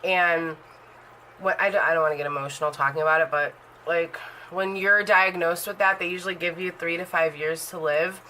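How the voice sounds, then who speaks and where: A woman in her thirties, a beauty vlogger, talks casually about her makeup collection, rambling and chatty with heavy use of fillers. Her voice is fairly low, steady, sharp in tone and fairly quick. The audio is poor, with a little hiss or hum.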